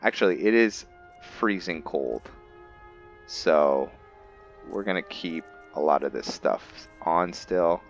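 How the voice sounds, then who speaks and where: Hosting a roleplay game, a man talks slowly in a low register, offering casual, hesitant, musing remarks. Faint game music plays beneath a dull, narrow-band microphone.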